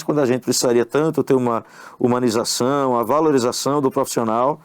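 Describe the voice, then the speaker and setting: A man's voice: mid-range voice, darkish tone, no echo. Male teacher for an exam-prep video, explanatory, talks straight to the viewer, dry sound. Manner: explanatory, addresses the viewer directly with tag questions. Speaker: English teacher. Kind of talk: exam review lesson. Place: online video lesson.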